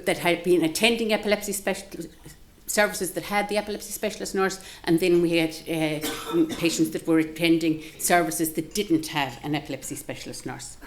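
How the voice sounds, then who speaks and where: Female academic presenter, low voice, Galway accent from the west of Ireland, explaining research to listeners in a discursive style. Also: a little hiss or hum.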